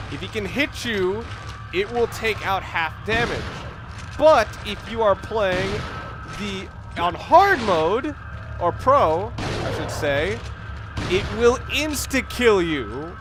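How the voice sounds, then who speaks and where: Over the sounds of a video game, a high-voiced man offers casual, analytical commentary, rambling and correcting himself along the way. The background is noisy.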